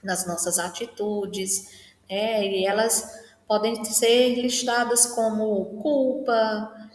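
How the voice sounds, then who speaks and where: A woman's voice: medium pitch, fairly even intonation, slow pace. A woman giving a classroom lecture, explaining step by step and often ending phrases with a questioning tag. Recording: echoey hall with long reverb.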